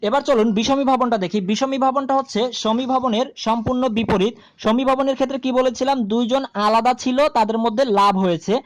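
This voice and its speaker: A woman's voice: a little high, steady tone, fairly quick, dry recording. A woman teaching a grammar lesson, explaining step by step at a board and asking the class rhetorical questions.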